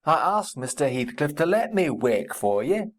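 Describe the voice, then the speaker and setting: A woman's voice: deep voice, big pitch swings, moderate pace, voice pushed down. A woman reading an audiobook, voicing an awkward young country man who talks in blunt dialect. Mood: indignant. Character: rough, awkward young rustic man, gruff and sulky.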